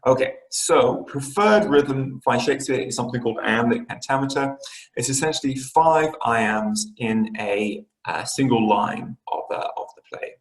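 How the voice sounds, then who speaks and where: A man's voice: mid-range voice, moderate pace, reverberant, poor audio. A man teaching an online English literature lesson, explaining patiently with frequent fillers and restarts.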